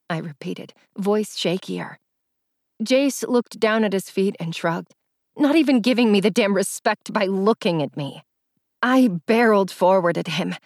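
A woman's voice: medium pitch, no room sound, clean studio sound. A woman reading a first-person romance serial aloud with an emotional, dramatic delivery. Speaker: audiobook narrator. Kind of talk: scripted first-person narration.

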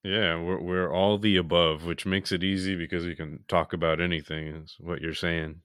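A man's voice: low voice, level tone, moderate pace, a bit bright, smooth, no echo, studio quality. A man co-hosting a podcast in casual chat, laid-back and philosophizing. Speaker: podcast co-host.

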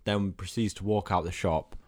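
A man's voice: sits low, fairly even intonation, normal speed, darkish tone, dry recording. A young man co-hosting a casual podcast chat, rambling and joking as he tells stories into a handheld mic. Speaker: podcast co-host.

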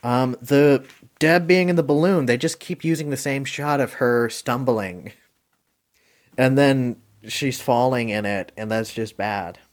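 Guy hosting a chill movie review podcast, mid-pitch voice, lots of um and like, kinda rambly. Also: unhurried. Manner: rambling, hesitant, many ums and likes, chuckles.

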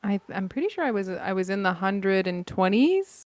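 A woman's voice: medium pitch, sing-song, normal speed, no room sound, clean studio sound. A woman chatting as a guest on a casual podcast, good-humoured.

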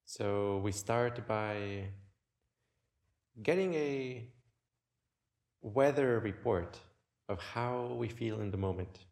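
A meditation teacher, a man with a lowish, creaky voice, leads a guided meditation gently and without hurry. He speaks in short phrases separated by long pauses.

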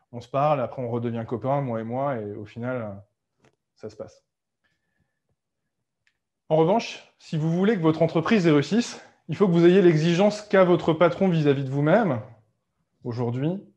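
A man talking casually to his audience as a business coach, mid-pitched and easygoing. He backtracks and fixes his words as he goes. The sound is a little dull and lo-fi. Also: darkish tone. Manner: conversational, many fillers and self-corrections. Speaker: entrepreneurship coach. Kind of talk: casual explanatory talk to camera.

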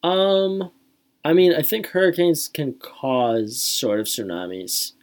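A woman's voice: low voice, sing-song, slow pace, darkish tone. A young woman from Michigan in her twenties, co-hosting a casual podcast chat and rambling with lots of filler words. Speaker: podcast co-host.

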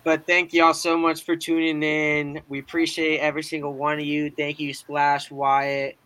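A young man with a forceful, bright voice pitched a little high. He hosts a sports podcast in a casual style, with slangy frat-bro enthusiasm. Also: completely flat delivery, moderate pace, clean tone. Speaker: podcast host. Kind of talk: casual hosting and live reaction.

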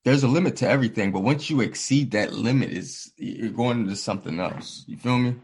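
A man's voice: mid-range voice, fairly quick, a little mellow, breathy edge. A man hosting a podcast in casual conversation, earnest and reflective, telling personal stories and acting out what others said. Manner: earnest, reflective, storytelling with quoted voices. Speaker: podcast host.

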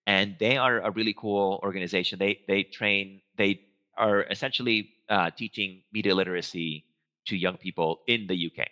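A Venezuelan research trainer, Spanish his first language, speaks casually on stage as a guest, his low voice bright and forceful with fairly even intonation. He drifts from point to point, peppering it with "um"s, restarts and fast self-corrections.

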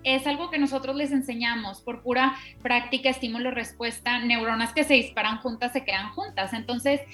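Woman, kinda high voice, casual parenting chat, lots of examples, faint music behind. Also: steady tone, a little fast, bright, forceful tone. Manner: explains steadily with many examples. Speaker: parenting podcast co-host.

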